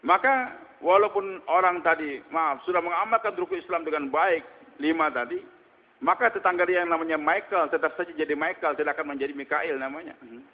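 A man's voice: a little high, brisk. A man preaching a sermon to a gathering, telling stories, asking questions and answering them himself, with frequent hums. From Indonesia. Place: large gathering hall. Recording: dull lo-fi audio in a long-reverb hall.

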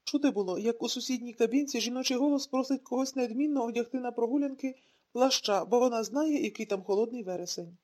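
A woman narrating an audiobook in a calm, reflective storytelling manner. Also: fairly high pitch, fast talker. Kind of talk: scripted narration.

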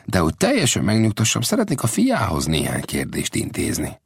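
Wry old frontier scout, high and lively, as a gravelly male reader puts him on; calm, cocksure, dry audiobook sound. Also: no room sound, heavily acted. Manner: calm, mocking self-assurance. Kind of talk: audiobook character voice.

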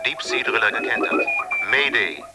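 A man's voice: mid-range voice, animated, moderate pace, loud music behind the voice. A man sending an urgent distress call over marine radio as a radio operator. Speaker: radio operator on a capsized rig.

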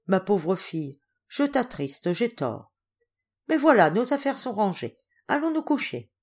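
A woman voicing a gentle, saddened widowed noblewoman who speaks tenderly to her daughter. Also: medium pitch, big pitch swings, unhurried. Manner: soft, tender, resigned.

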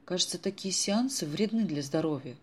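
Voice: mid-range voice, expressive, brisk, darkish tone, breathy edge, voice pushed up. A reader voicing an earnest, principled teenage girl in a storybook who talks in a thoughtful, moralizing way.

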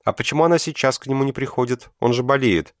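A man voicing a blunt, soft-hearted young girl in an audiobook. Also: mid-range voice, quick pace, no room sound, studio quality, voice pushed up, close to an everyday voice. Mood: earnest.

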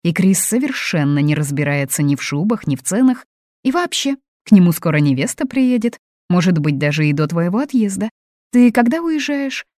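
A woman reading an audiobook, voicing a domineering, controlling middle-aged mother who talks loud and imperious. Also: fairly low pitch, sing-song, moderate pace, dry recording, clean studio sound.

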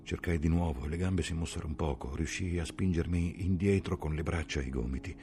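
A man reading a novel aloud as an audiobook, in a measured, slow and grave dramatic narration. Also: rumbling low, music in the background. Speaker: audiobook reader.

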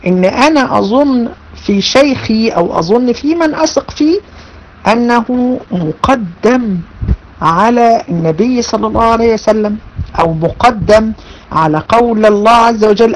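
Speaking with an Egyptian accent, a religion teacher gives an emphatic online lesson, repeating phrases and talking straight to her students. Her voice is a little high and her pace moderate, and the rough recording carries slight background noise.

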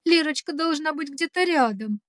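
A woman voicing a flustered elderly female nanny in an audiobook, talking fast and pleading. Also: sits high, animated, dry recording, clean studio sound, pitched above the performer's own voice.

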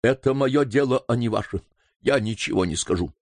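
A man plays a nervous, evasive butler, his medium-pitched voice raised a bit above his natural one but still close to everyday speech. The intonation is lively and the speed normal, captured as clean studio sound with no room sound.

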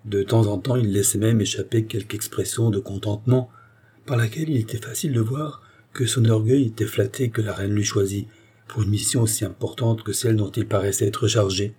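A man reading a novel aloud as audiobook narration, measured and even. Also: lowish voice, breathy edge. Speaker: audiobook reader.

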